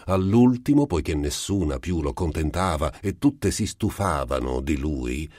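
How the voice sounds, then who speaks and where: Man reading a classic story aloud, super deep voice, dry close mic, careful phrasing. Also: lively intonation, measured pace, a little mellow, no room sound. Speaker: audiobook narrator. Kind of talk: literary audiobook reading.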